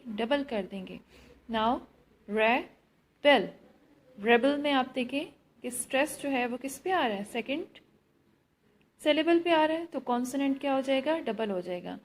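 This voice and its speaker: A woman teacher with an Indian English accent, giving a grammar lesson in a slow, deliberate way, quizzing students and repeating answers. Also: fairly high pitch, a little hiss or hum. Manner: mixes Hindi and English.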